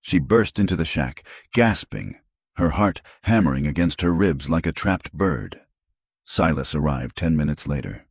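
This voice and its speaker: Deep, husky male audiobook narrator. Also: expressive, moderate pace, dry recording, studio quality. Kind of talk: scripted narration.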